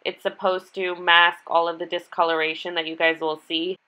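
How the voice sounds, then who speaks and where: A woman's voice: on the low side, little pitch movement, normal speed, bright, forceful tone. A woman in her twenties with a stuffed-up, nasal whine from being sick, giving a casual makeup tutorial. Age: 20s. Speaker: beauty vlogger. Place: small bedroom, indoors.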